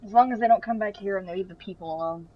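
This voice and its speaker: A woman's voice: mid-range voice, rapid-fire, soft background music. Woman player on a dull lo-fi line. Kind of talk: casual tabletop play. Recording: dull lo-fi audio with faint noise.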